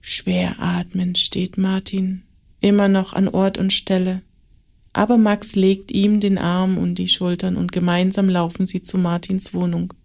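A woman narrating a children's short story in a calm, measured reading voice. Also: mid-range voice, vocal fry.

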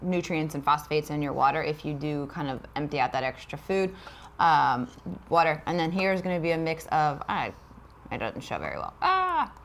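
A woman's voice: sits low, sing-song, moderate pace, fairly bright tone, slight background noise. Chatty woman demoing aquarium feeding. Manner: chatty, upbeat, lots of fillers. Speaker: co-host of a livestream. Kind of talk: casual livestream demonstration. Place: aquarium studio.

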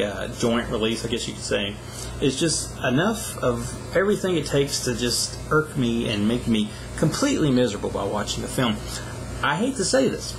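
A film reviewer in his thirties talks conversationally into a camera in a small, plain indoor room, giving a casual, rambling and exasperated video review. His mid-range voice is gravelly, and the background is noisy.

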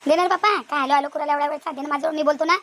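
A fretful old village mother-in-law in a cartoon, griping and suspicious. Her voice sits high and the words tumble out at a breakneck clip. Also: fairly even intonation, a bit bright. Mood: grumbling. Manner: complaining, suspicious, rapid chatter. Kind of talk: cartoon voice acting.

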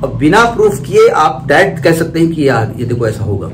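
A man's voice: a little high, very animated, fairly quick. A man lecturing a math class, explaining step by step, repeating terms and asking the students questions. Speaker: math teacher. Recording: echoey room from far off, faint noise.

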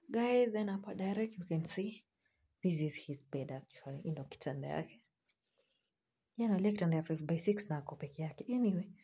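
A young Kenyan woman with a Kenyan accent, filming a casual home tour on her phone in a small flat. She chats to her viewers and often drops to soft, half-whispered asides. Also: fairly low pitch, breathy edge. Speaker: vlogger giving a house tour. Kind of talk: casual tour narration mixing Swahili and English. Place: small bedsitter flat, indoors. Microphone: phone held while filming.

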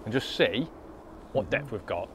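A man's voice: fairly low pitch, lively intonation, unhurried, a bit bright, slight background noise. A man, explaining his fishing approach step by step in a casual, practical way, outdoors at a lakeside with a lapel mic. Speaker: angler demonstrating.

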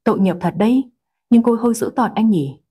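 A woman reading the lines of an easygoing young man, a friend staying over, in her own soft, breathy voice. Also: fairly high pitch, expressive, fast. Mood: curious.

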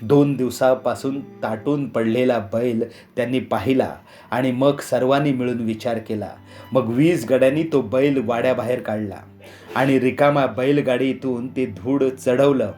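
A man narrating a short story in a measured, dramatic reading. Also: medium pitch, darkish tone.

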